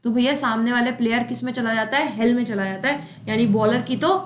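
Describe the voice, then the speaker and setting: A woman's voice: fairly high pitch, a little fast. A woman teaching English idioms for exam preparation. She explains with memory tricks, asks questions and answers them herself, and keeps adding tag questions. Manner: often adds tag questions like "है ना". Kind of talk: exam-prep idiom lesson. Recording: echoey room.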